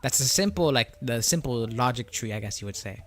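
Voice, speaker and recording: A man with a medium-pitched, expressive voice talks fairly quickly through a voice changer. He's a livestreamer answering chat about a fighting game, explaining things casually and often tossing in "right?" and "you know?". Music plays in the background.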